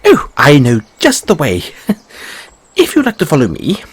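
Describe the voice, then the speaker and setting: A man's voice: a little high, wildly swooping pitch, measured pace, husky, no echo, full character voice. A man playing an anxious, polite, whimsical rabbit boy in a fantasy audio roleplay, with stammered, courteous, old-fashioned phrasing. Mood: polite, curious. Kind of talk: theatrical fantasy audio roleplay addressed to listener.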